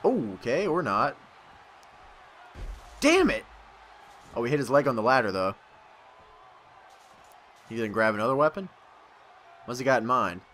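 A man hosting a gaming video, giving excitable let's-play commentary, yelling, laughing and trash-talking his opponent. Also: mid-range voice, normal speed, pauses often, a little hiss or hum. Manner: laughs often.

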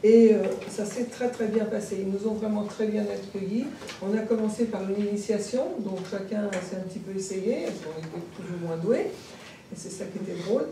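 A woman's voice: medium pitch, a little fast, dark tone, slight background noise. A woman reporting to a town council meeting as a twinning committee member, speaking hesitantly with many fillers. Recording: echoey room heard from a distance.

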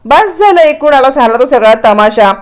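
A woman voicing a stern, scolding middle-aged mother-in-law in a spoken retelling of a TV serial, with a sharp, reproachful delivery. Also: high-pitched, expressive, normal speed.

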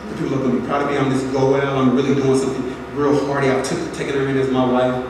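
A man's voice: mid-range voice, monotone, quick pace. A young man preaching a sermon from a pulpit, earnest and direct, repeating phrases for emphasis. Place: large church sanctuary. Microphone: pulpit mic, filmed from far back in the pews. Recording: echoey hall from far off, audible noise.

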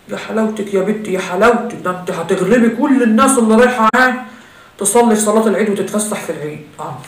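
A woman's voice: fairly high pitch, recorded from a distance, close to an everyday voice. A woman with an Egyptian accent playing a vain teenage girl who gives a mock makeup tutorial in a chatty, teasing way. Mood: chatty boastful. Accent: Egyptian Arabic. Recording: roomy echo, voice from off-mic.

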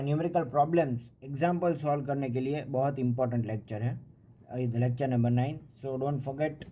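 A man's voice: on the high side, mellow. A young Indian man giving an engineering lecture, explaining step by step with frequent fillers. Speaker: engineering teacher. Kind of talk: whiteboard-style lecture, mixing Hindi and English. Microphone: voice-over recorded over a handwritten sheet filmed from above.

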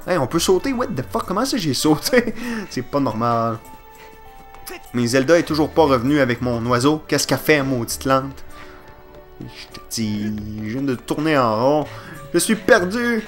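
A man with a Quebec French accent doing let's play commentary, excitable and jokey, swearing and yelping at the game. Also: medium pitch, unhurried, soft background music.

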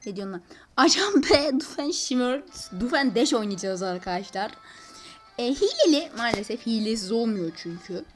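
A woman hosting a gameplay video with a high voice that leaps up and down constantly. She talks in slangy commentary and keeps bursting into loud exclamations. Faint game music plays underneath. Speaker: gameplay channel host.

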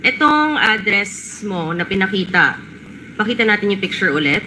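A woman's voice: mid-range voice, big pitch swings, normal speed, background noise. A woman questioning a witness at a hearing, pressing with pointed questions. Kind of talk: formal hearing interrogation. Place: hearing room.

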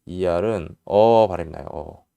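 A man teaching English spelling in Korean, slowly spelling out letters and repeating each sound patiently. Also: deep voice, gravelly, dark tone, clear, resonant tone, dry recording. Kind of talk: casual spelling lesson.

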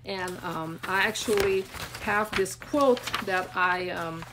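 On a noisy background, a woman in her forties from Indonesia speaks slowly at medium pitch with an Indonesian accent. As a brand coach hosting a live stream, she addresses viewers unscripted through her phone camera at arm's length in a small room, rambling, filler-heavy, earnest and encouraging.

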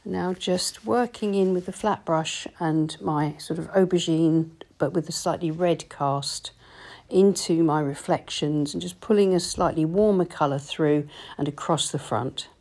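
A woman, calmly explaining each step of a watercolour painting tutorial in voice-over. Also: low voice, measured pace. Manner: calm, explanatory, gently instructive. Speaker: watercolour teacher.

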